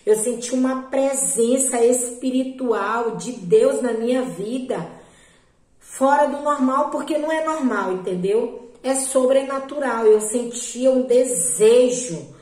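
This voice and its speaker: A woman's voice: on the high side, takes it slowly, a little mellow, echoey room, rough recording. A Brazilian woman earnestly telling a religious testimony to a group, repeating herself and often checking in with her listeners. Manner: earnest, repetitive, often asks "né?". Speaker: believer giving a testimony.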